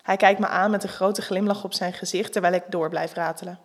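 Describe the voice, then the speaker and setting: A woman narrating a scripted erotic story in a calm, even-paced reading. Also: on the low side, a little fast.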